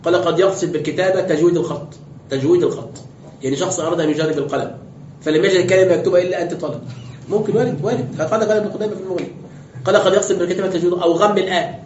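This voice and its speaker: Male sheikh, brisk lecturer, higher voice, dull roomy recording. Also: a little mellow, slight background noise. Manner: explains step by step, asks rhetorical questions. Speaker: sheikh teaching tafsir and fiqh. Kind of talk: classroom lecture with questions.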